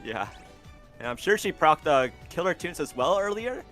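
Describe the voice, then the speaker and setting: A man casting an online racing tournament, getting loud and excited during the race calls. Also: fairly high pitch, soft background music. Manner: excitable, rises to loud fast calls at the finish. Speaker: tournament caster. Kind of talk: esports race commentary.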